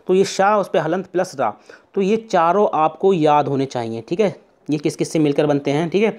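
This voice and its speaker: A young male tutor with a North Indian Hindi accent runs an exam revision lesson. His voice sits fairly high for a man. He talks step by step, keeps checking in with his students, and slows right down to repeat key words. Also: darkish tone. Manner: explains step by step, keeps saying "theek hai". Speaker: exam prep teacher.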